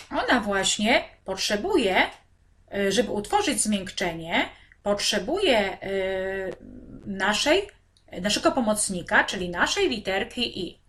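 Slow, lively-voiced woman teacher. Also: mid-range voice. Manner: slow, clearly articulated, speaking to children. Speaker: primary school teacher. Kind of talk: reading lesson for young children.

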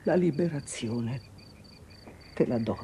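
A woman's voice: a bass voice, expressive, a little hiss or hum, heavily acted. A grieving guilt-ridden mother. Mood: resigned. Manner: slow, hushed, sorrowful, often whispering. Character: anguished guilt-ridden mother, middle-aged woman. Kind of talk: 1980s TV drama acting.

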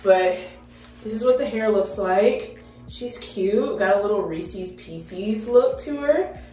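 Young woman vlogger, unhurried and excitable, recorded a bit off-mic in a room with faint music behind. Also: mid-range voice, far from the mic. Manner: excitable, dramatic exclamations. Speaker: beauty vlogger. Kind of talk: casual vlog chat. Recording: roomy, mic set back, faint music.

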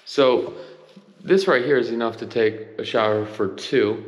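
A mid-pitched man, realtor type, chatters eagerly and unhurriedly through a home tour, enthusiastically pointing out details in casual walkthrough narration. He films on a handheld camera in an empty house with large bare rooms, so long reverb fills the recording.

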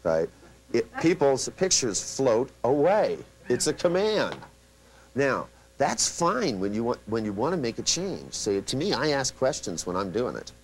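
Male seminar trainer, mid-pitched and very animated, mixing loose asides with acted-out quotes. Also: measured pace, rough recording. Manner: animated storyteller who acts out quotes; many restarts and asides. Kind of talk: live seminar lecture.

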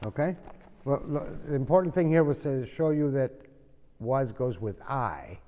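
Male teacher, unhurried and patient, mellow voice, classroom echo. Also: mid-range voice, expressive. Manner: slow, patient explaining, switching between Spanish and English. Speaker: English teacher. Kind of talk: classroom lesson in Spanish and English.

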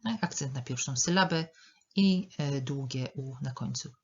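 A woman teaching an English lesson, speaking slowly and carefully and repeating words to show their pronunciation. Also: rumbling low, a little mellow, slightly rough, muffled recording. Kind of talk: language lesson.

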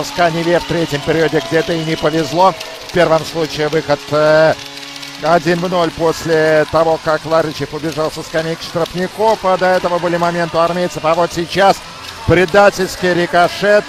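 A man doing live hockey commentary as a play-by-play announcer, emphatic and excited in his goal calls. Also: fairly high pitch.

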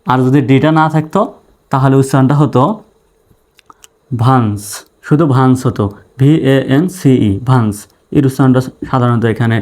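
A man's voice: medium pitch, darkish tone. A man teaching English spelling and pronunciation, patiently spelling out letters one by one and repeating each sound. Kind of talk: spoken spelling and pronunciation lesson.

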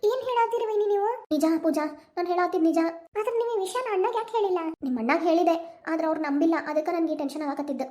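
A voice artist doing a very high, hurt young wife. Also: very fast, dark tone. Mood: worried. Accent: North Karnataka Kannada. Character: young wife, pleading, hurt sister-in-law.

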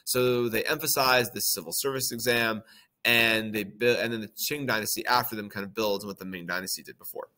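A man's voice: fairly low pitch, steady tone, fairly quick, sharp tone. A man teaching a history lesson in a casual, conversational way, with frequent ums and playful acted-out quotes. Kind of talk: casual lecture.

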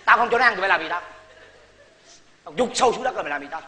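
A man's voice: sits high, lively intonation, racing, bright, forceful tone, reverberant, slight background noise, exaggerated voice. A man playing a poor, hot-tempered street vendor who scolds and lectures his friends, repeating words in bursts. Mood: scolding. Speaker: comedy sketch actor. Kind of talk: comedy sketch acting.

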